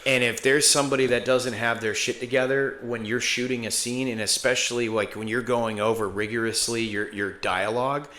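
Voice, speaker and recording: A man's voice: mid-range voice, steady tone, fairly quick, few pauses, bright, forceful tone. A man co-hosting a podcast, rambling loosely and animatedly in casual chat and swearing freely. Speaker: podcast co-host.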